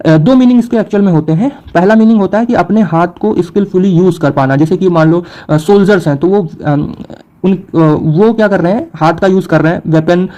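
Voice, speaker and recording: A young male teacher with a warm, mellow, slightly raised voice explains words in Hindi. He reads English definitions slowly in an Indian accent and pauses on fillers to keep his students with him. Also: sits high, rough recording. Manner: frequent fillers and "theek hai" checks. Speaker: exam prep teacher. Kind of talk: vocabulary lesson.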